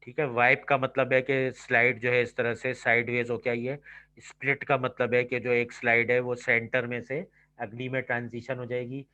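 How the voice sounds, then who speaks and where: The slightly dull audio comes from a computer mic on a video call, where a man leads an online computer lab. His mid-range voice is pushed and bright, moves little in pitch, and keeps a moderate pace as he goes step by step, saying "ठीक है" at each turn.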